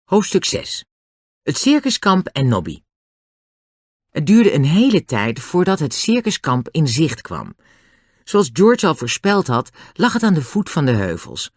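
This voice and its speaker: A narrator reading a children's storybook aloud with expressive, animated narration. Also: mid-range voice, a little slow, breathy edge, no room sound, clean studio sound. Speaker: audiobook narrator.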